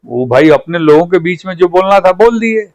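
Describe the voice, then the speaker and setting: A man's voice: sits high, expressive, fairly quick, dry recording, poor audio. A man with a Bhojpuri accent, a party leader speaking in a political interview, fiery and rhetorical, repeating phrases for emphasis.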